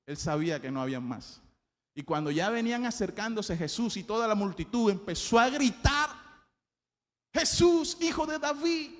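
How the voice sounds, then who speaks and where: A male pastor with a notably high voice delivers an impassioned sermon, moving between loud shouted cries and quiet, low passages. His voice rings out with a long reverb, as in a large church hall.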